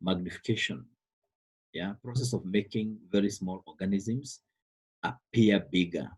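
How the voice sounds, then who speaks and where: Man, Kenyan accent, teacher on a call, very low pitch, slightly breathy. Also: normal speed, low-quality recording. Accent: Kenyan English. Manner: repeats words, stresses key terms, calls on students by name. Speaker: biology teacher. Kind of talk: online class lecture. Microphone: computer microphone on a call.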